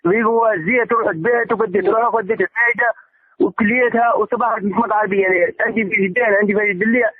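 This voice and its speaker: High-pitched, rapid-fire Algerian man arguing by phone. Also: steady tone, husky, dry recording. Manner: exasperated, insistent, combative. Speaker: caller demanding repayment of a debt. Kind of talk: heated argument over the phone. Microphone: telephone. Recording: tinny, band-limited phone line.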